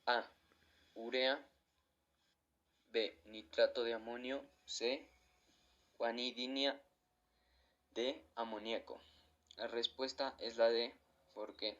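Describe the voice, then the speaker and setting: A young man, a student, slowly and deliberately reads out his answers to chemistry exercises item by item. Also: medium pitch, fairly bright tone, dull audio. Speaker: student presenting homework.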